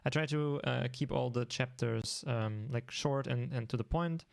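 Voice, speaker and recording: A man from Germany with a German accent, an online programming instructor talking informally and haltingly with many ums. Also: mid-range voice, vocal fry, no room sound. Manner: hesitant, many ums and restarts.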